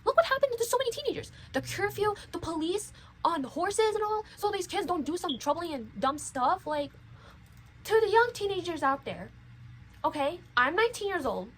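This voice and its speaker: A young woman with a high voice chats straight to camera, rambling and lecturing her viewers, full of fillers and false starts. A faint hiss of noise sits under her voice. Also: sing-song, moderate pace, fairly bright tone, low-quality recording. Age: young adult. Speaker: vlogger. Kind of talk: casual chat.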